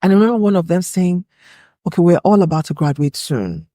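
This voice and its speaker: A Nigerian woman talking as a podcast guest, thoughtful and reflective as she recalls her younger years. Her voice sits low and mellow, and it sounds dry and close. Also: very animated, fairly quick, no room sound. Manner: reflective, recalling memories at an easy pace. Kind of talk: casual interview chat.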